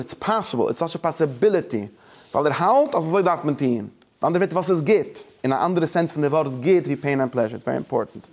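Man giving a halting mixed-language lesson. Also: a little high. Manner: mixes German and English, halting restarts; explanatory, emphatic. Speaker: teacher. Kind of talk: religious study lesson.

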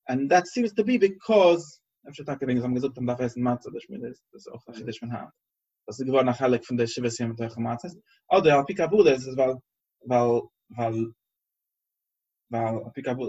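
A husky-voiced man teaches a Torah class, thinking out loud and circling back over his words as he reasons. The recording is dull and lo-fi. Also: medium pitch. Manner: halting, searching, repeats phrases while reasoning.

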